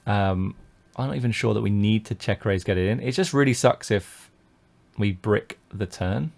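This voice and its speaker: A British poker coach, his voice on the low side, gravelly and a little mellow, chats casually about his own live-streamed tournament play at a moderate pace. He explains each decision as he thinks aloud, with many fillers and restarts.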